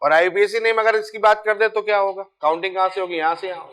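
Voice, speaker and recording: A man's voice: high-pitched, steady tone, fast, a bit bright. A man teaching chemistry, talking casually and repeating key terms while checking that students follow. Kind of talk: board lecture.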